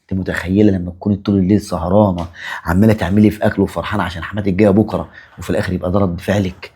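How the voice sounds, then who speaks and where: A man playing an earnest, husky Egyptian husband. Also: deep voice, fairly even intonation, very fast, dark tone. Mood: reproachful. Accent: Egyptian Arabic. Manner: earnest, pleading, emphatic. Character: devoted husband and pleading son, adult.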